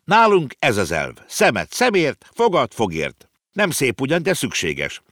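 A man's voice: no echo, studio quality. A man voicing an earnest, know-it-all little girl in an audiobook reading. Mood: explaining. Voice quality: high, lively, explaining.

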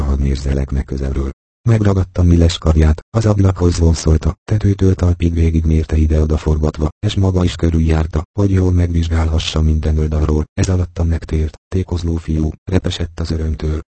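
A man narrating an audiobook in a steady, measured reading. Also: a bass voice, husky, no room sound.

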